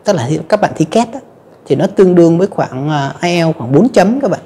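A woman's voice: lowish voice, expressive, fast talker, warm tone, breathy edge. A woman teaching an English grammar lesson in a chatty, casual way, often addressing her viewers directly. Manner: chatty, repeats "các bạn" and "ha".

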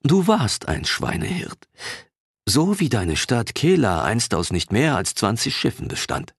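A proud dark elf woman with a disdainful, haughty edge, as a male audiobook narrator puts her on. The voice climbs well above his usual low register and moves expressively, delivered at an unhurried pace. The audiobook recording is dry and close, with no room sound. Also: big pitch swings, husky, dry recording, full character voice. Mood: scornful. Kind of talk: audiobook character reading.

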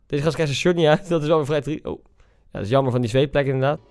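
A young man giving casual reaction commentary on video clips, teasing and incredulous, full of quick exclamations. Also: medium pitch, gravelly, darkish tone, clear, resonant tone. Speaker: YouTuber.

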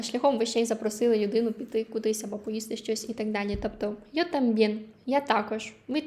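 Woman teaching a language lesson, higher voice. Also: darkish tone. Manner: patient, repeats examples slowly. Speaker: Spanish teacher.

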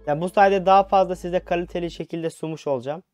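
A man's voice: sits high, fairly even intonation, fast talker, clean tone, soft background music. Jumpy young man narrating a horror game. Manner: nervous, jumpy, talks to the game. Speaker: gaming channel host. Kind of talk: horror game let's play commentary. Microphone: new headset mic.

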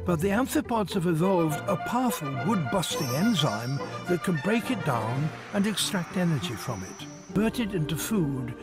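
A man narrates a nature documentary in a slightly high voice. His delivery is scripted and lively in its intonation, with clear music playing behind him. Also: normal speed, hardly any pauses. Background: background music.

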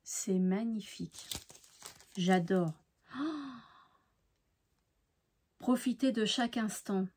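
Woman host, unhurried and gushing over each handmade card, mid-pitched, softening to hushed asides. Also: a little hiss or hum. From France. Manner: slow, effusive, admiring, drops softly to near-whispers. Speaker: craft channel host. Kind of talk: casual mail-opening show-and-tell.

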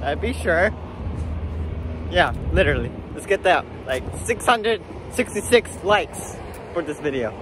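A man with a high, very lively voice jokes and exclaims through a casual vlog. His pitch swings widely. Faint street noise sits behind him. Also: unhurried. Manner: animated, joking, exclaiming. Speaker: vlogger. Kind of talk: casual chat.

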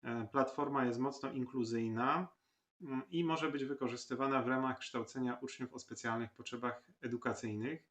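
A male lecturer calmly walking through an online course platform step by step, with many filler sounds. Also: mid-range voice, normal speed. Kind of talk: screen-recorded platform tutorial.

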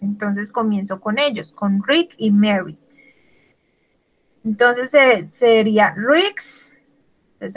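A woman teaching an English lesson to Spanish speakers, speaking slowly and deliberately and spelling words out letter by letter. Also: on the high side, pushed and bright, low-quality recording. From Latin America. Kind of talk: bilingual online English lesson.

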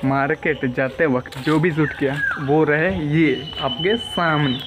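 Out in a rural village, a young man rambles casually in a selfie vlog shot on a phone at arm's length. His voice is on the high side, fairly even in intonation, at a measured pace, with insects and passing vehicles audible in the noisy recording.

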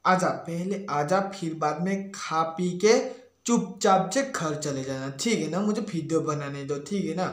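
A young video creator with a fairly high voice, recorded in a roomy, echoey space. He rambles excitably and often crudely, cursing and saying "yaar" again and again. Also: a little slow. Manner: rambling, excitable, swears, says "yaar" constantly. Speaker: YouTube creator. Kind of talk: comic roast video. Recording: echoey room.

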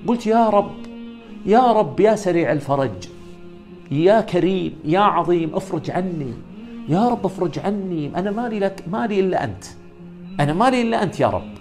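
A man's voice: high-pitched, brisk, few pauses, faint music behind, pitched above the performer's own voice. A man voicing a desperate poor father who pleads fervently in prayer. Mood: tearful.

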